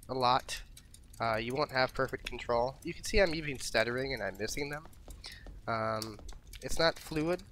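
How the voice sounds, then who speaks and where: A man's voice: mid-range voice, pushed and bright, a little hiss or hum. A man giving a casual, laid-back fighting game tutorial, swearing freely and repeating himself as he explains inputs.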